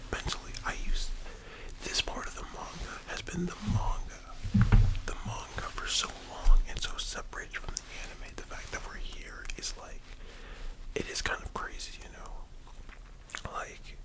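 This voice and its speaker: A host talking in a soft, unvoiced library whisper, in a casual, rambling ASMR style that sounds like thinking aloud. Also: unhurried, rough recording. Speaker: host of an anime and manga discussion.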